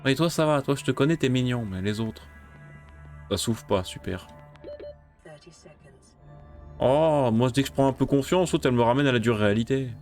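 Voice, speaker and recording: A man's voice: medium pitch, fairly quick, a little mellow, faint music behind. A man giving casual let's-play commentary, talking to the game's creatures and yelping when he gets startled. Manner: jumpy, talks to game creatures, yelps when startled. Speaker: gameplay streamer.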